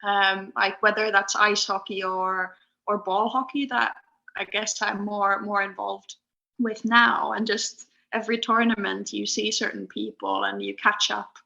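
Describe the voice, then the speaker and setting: Gravelly bright-voiced Finnish woman on a call. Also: mid-range voice, little pitch movement, measured pace. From Finland. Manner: hesitant, many ums and restarts. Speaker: podcast guest. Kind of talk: casual remote interview. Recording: muffled internet call audio.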